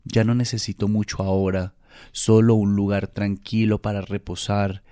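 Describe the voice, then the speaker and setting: A boy grown old and tired, read by a man, his voice low and mellow. He speaks quietly and flatly, close to the mic in a dry sound. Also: normal speed, smooth, no echo, lightly acted. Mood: weary.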